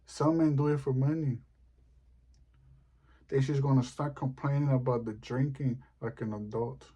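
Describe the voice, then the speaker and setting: Guy doing deadpan standup, kinda rambly, warm mellow voice. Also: medium pitch, normal speed. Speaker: stand-up comedian. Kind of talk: stand-up comedy monologue.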